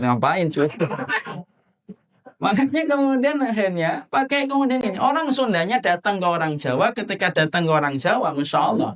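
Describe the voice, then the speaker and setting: A man from Java giving an animated sermon, asking the audience questions and acting out little scenes. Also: sits high. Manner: animated, rhetorical questions to the audience, acts out husband and wife. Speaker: preacher.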